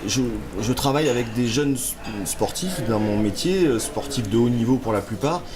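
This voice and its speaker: A French author, slightly congested with a cold, answers interview questions thoughtfully and hesitantly, using many fillers in a relaxed conversation. His mid-range voice is animated and moves at normal speed. A crowd can be heard in the background.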